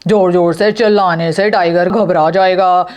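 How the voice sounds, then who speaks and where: A woman voicing a calm, brave young father who speaks steadily and gives firm orders. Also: on the low side, unhurried, natural voice. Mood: steady. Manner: steady, commanding, reassuring.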